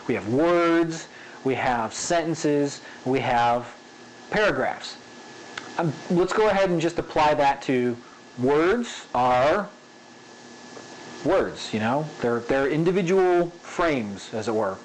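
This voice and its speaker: A man's voice: on the high side, expressive, slow pace, slight background noise, poor audio. A man giving a casual animation lesson, talking conversationally, often checking in with "okay?" and playing with pace to show his point. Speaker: animation instructor.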